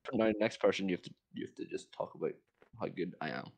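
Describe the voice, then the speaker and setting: Male sidekick, quick talker, joking and prompting. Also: sits low, lively intonation, darkish tone. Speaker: co-host feeding lines. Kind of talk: casual chat.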